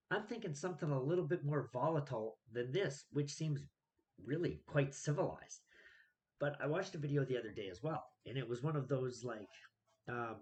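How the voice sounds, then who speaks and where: Exasperated man ranting about his opinions. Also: medium pitch. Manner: exasperated, emphatic, rhetorical questions. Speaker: vlogger. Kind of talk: solo opinion rant.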